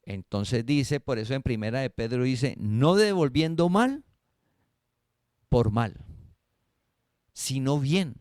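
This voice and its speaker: Man preaching, animated rising and falling pitch, dry close sound, rhetorical questions. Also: no room sound. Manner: preaching with rhetorical questions, swings between loud and soft. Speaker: pastor. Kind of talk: sermon. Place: church service streamed online.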